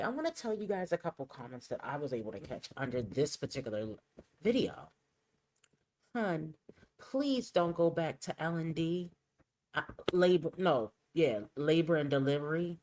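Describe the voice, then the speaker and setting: Low-voiced opinionated woman commentator. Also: big pitch swings, brisk, a little mellow, rough recording. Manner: chatty, opinionated, drops to a mutter while setting up clips. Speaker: commentary channel host. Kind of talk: casual reaction commentary.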